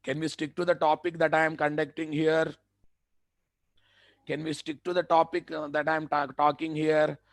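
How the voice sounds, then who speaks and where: A man's voice: on the high side, little pitch movement, moderate pace, no room sound. Emphatic Telugu-accented male instructor, close dry sound. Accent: Telugu-accented Indian English. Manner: repetitive, emphatic, rhetorical check questions. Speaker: web development instructor. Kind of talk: live online lecture to students.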